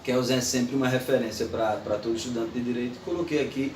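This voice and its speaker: A man's voice: mid-range voice, quick pace, roomy sound, far from the mic, slight background noise. A man giving an informal, playful lecture to an audience. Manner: animated, playful, recites verse aloud.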